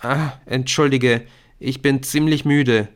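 A man voicing a weary, irritable teenage schoolboy in an audiobook, a little louder than his narration. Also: medium pitch, fairly even intonation, slow, pitched above the performer's own voice, lightly acted. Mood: flustered. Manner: curt, flustered.

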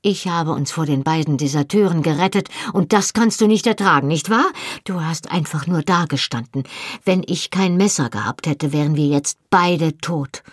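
A woman reading an audiobook voices a defiant, sharp-tongued young wife, speaking with biting scorn. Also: moderate pace, husky, no echo, studio quality. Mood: shouting. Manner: biting, rising to shrill shouts.

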